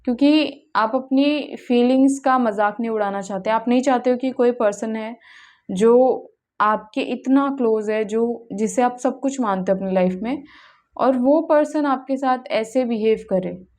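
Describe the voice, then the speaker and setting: A young woman gives her viewers a casual tarot reading, chatty and mixing in English words while often checking in with "okay?" Her voice is on the high side, a little slow and a little mellow.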